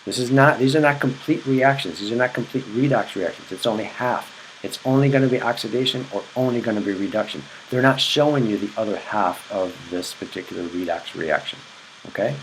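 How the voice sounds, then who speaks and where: Male chemistry teacher, lowish voice, patient repeating lecture style, faint noise behind. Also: fairly quick, poor audio. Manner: repetitive, checks in with "okay?". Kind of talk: recorded classroom lecture.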